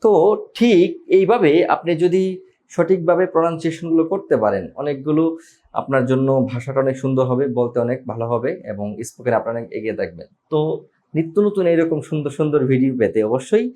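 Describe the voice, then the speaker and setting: A man teaching an English pronunciation lesson, drawing out and repeating each word slowly for practice. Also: a little high, expressive, dark tone. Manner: slow, drawn-out word demonstrations with repeated drills.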